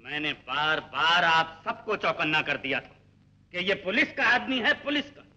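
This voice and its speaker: A man's voice: on the high side, lively intonation, unhurried, bright, forceful tone, dull audio, full character voice. An actor playing a hardened male dacoit gang leader who barks curt, suspicious orders.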